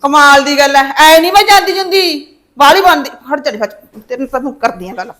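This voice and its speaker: A scolding, taunting mother in a family drama, played by a woman. Her voice sits very high and the words tumble out quickly. She needles everyone around her. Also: lively intonation, a bit bright. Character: sharp-tongued meddling mother-in-law figure, woman. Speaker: visiting mother of the daughter-in-law.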